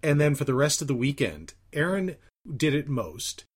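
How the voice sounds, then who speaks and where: A man's voice: on the high side, very animated, moderate pace, husky. A man bantering casually as a podcast host, joking and playful.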